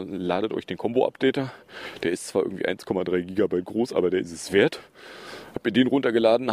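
A podcast host with a fairly low, slightly mellow voice runs through recent news. The chat is casual and sarcastic, packed with fillers and asides.

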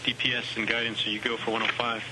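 A man's voice: medium pitch, monotone, fast, heavy background noise. A man working as a flight controller, talking procedurally over a mission control radio loop.

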